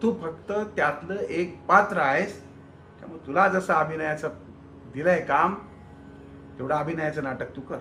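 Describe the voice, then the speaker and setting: A man voicing a calm, commanding male god who speaks in a measured, authoritative way in a storytelling. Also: a little high, reverberant, soft background music, close to an everyday voice.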